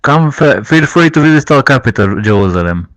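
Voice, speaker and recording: A man's voice: mid-range voice, lively intonation, fairly quick, fairly bright tone, no room sound. Hesitant man. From Israel. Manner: hesitant, many fillers and restarts. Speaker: viewer calling in. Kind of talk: casual chat.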